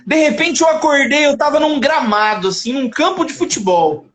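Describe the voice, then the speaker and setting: A man's voice: very high-pitched, normal speed, fairly bright tone. A man giving a faith testimony as a guest in a live conversation, telling his story with animation, acting out the dialogue and laughing often.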